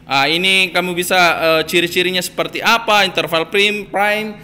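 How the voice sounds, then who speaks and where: A man teaching a primary class remotely, his voice bright and slightly high. He talks in a halting way, full of fillers, and gently admonishes his pupils. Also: fairly even intonation, a little hiss or hum. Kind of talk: recorded online class lesson.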